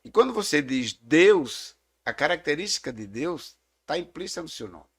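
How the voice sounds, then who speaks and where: A man's voice: fairly high pitch, very animated, moderate pace. A middle-aged man with a Brazilian Portuguese accent, a theology teacher speaking as a guest. He talks in a reflective, explanatory way and tells stories in a casual discussion.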